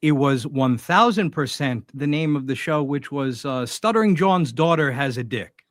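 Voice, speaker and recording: A young male host giving sarcastic, mocking commentary. His voice sits a little high, and the recording is dry and close, with no room sound. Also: animated, moderate pace, dry recording. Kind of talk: casual reaction commentary.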